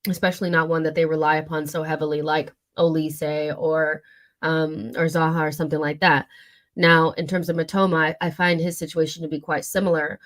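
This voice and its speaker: A hoarse woman with a cold hosting a casual football chat stream, talking loosely with many fillers and asides. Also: low-pitched, flat delivery, fairly quick. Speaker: football channel host.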